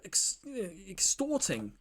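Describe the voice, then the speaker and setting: A man's voice: high voice, huge pitch swings, slow, a bit bright, a little hiss or hum. A man giving casual, rambling commentary while he builds in a game, with lots of ums and asides. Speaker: let's play host.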